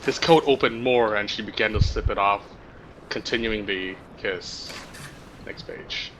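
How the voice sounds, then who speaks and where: Over voice chat with faint background noise, a man reads roleplay text aloud to friends, now and then stumbling and holding back laughter. His voice is lowish and a bit bright, with a measured pace, and the recording quality is low.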